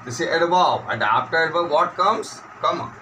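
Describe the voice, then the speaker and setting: A man's voice: on the high side, animated, pushed and bright, slight background noise, low-quality recording. A man teaching an English grammar lesson, asking questions and answering them himself. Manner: slow, questioning, answers his own questions.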